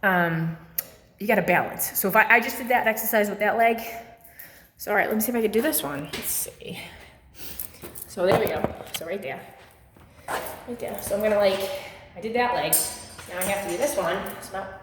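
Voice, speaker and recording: A woman's voice: mid-range voice, fast talker, background noise. A woman giving a casual workout demonstration at home, chatty and full of fillers, a little out of breath from the exercise. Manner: chatty, filler-heavy, lively. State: slightly out of breath. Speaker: fitness vlogger. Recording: echoey room with long reverb.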